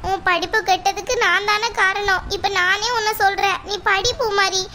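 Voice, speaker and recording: A woman's voice: very high-pitched, steady tone, moderate pace, noisy background. A woman voicing a grieving middle-aged village mother who laments and blames herself, in a cartoon. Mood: pleading. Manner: lamenting, plaintive. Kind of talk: cartoon voice acting.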